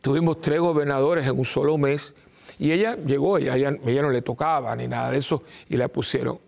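Gravelly priest preaching. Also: male voice, medium pitch, fairly even intonation, a little fast, a little mellow. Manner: emphatic, repeats short no's, acts out quoted voices. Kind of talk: informal preaching talk.

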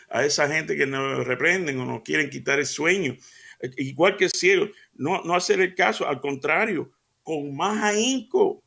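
A man's voice: medium pitch, gravelly, fairly bright tone, husky. An older man hosting a radio devotional, talking in an earnest, folksy way with many hesitant fillers.

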